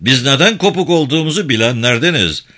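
A man's voice: mid-range voice, normal speed, sharp tone, lightly acted. A man voicing a burly, hot-tempered young village strongman in a storybook reading. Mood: angry.

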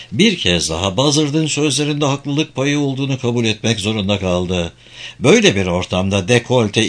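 A man reading an adventure novel aloud in measured, dramatic audiobook narration. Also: medium pitch, a bit bright.

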